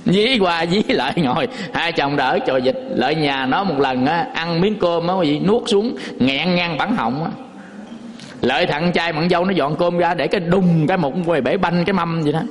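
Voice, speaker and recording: A man, a Buddhist monk, giving a folksy dharma talk full of rhetorical questions to his listeners. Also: a little high. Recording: long hall reverb.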